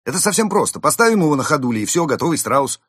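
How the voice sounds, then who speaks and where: A man's voice: fairly high pitch, racing, breathy edge, no echo, clean studio sound, pitched above the performer's own voice, exaggerated voice. A man putting on a greedy cheerful panda shopkeeper. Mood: coaxing, insistent. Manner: lively, wheedling, theatrical.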